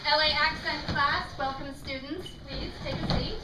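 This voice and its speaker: A woman's voice: high voice, fairly even intonation, moderate pace, voice pushed up, close to an everyday voice. A woman playing a perky valley-girl accent teacher. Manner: bubbly, exaggerated valley-girl phrases. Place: small improv theater stage. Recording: echoey stage from far off, faint noise.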